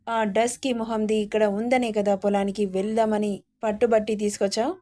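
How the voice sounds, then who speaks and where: Angry young lover in a storybook tale, harsh and commanding, voiced by a woman narrator; mellow tone, slightly high. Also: little pitch movement, brisk, natural voice. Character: furious young man, hot-tempered lover.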